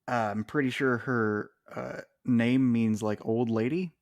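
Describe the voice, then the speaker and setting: A man's voice: mid-range voice, steady tone, a little slow, a little mellow, no room sound. A man co-hosting a podcast in casual chat, picking apart points and laughing between them. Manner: chatty, laughs between points while arguing. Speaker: podcast co-host.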